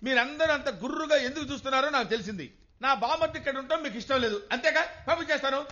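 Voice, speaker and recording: A man's voice: very high-pitched, very fast, pushed and bright. A man dubbing a flustered, exasperated brother-in-law in a comedy film. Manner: exasperated, fussing. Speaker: dubbing actor. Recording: dull film audio with music.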